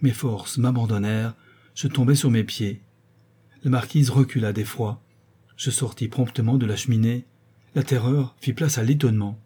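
Brief: male audiobook narrator, dark husky voice, measured and expressive. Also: mid-range voice.

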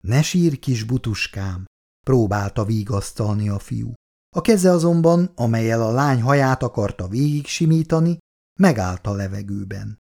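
A man reading a novel aloud in an expressive way. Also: mid-range voice, gravelly. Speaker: reader.

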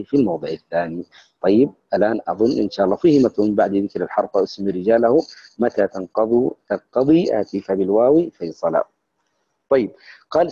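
Husky male Quran recitation teacher. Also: lowish voice, dark tone. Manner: explains a line, then checks in with the class; chants quoted verses, then explains them plainly. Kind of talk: classroom lesson explaining a recitation poem. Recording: dull lo-fi recording.

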